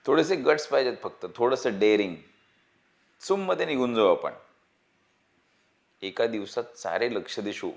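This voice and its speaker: A man's voice: mid-range voice, big pitch swings, normal speed, pauses often. A man reading the part of a cocky young man who plans the job, self-assured and lecturing. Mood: confident.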